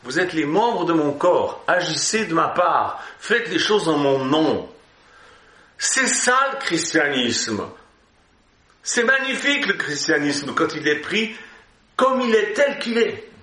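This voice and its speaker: A man's voice: a little high, big pitch swings, slow pace, sharp tone. A man preaching an Easter sermon, exhorting his listeners and breaking into joking asides. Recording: roomy hall echo.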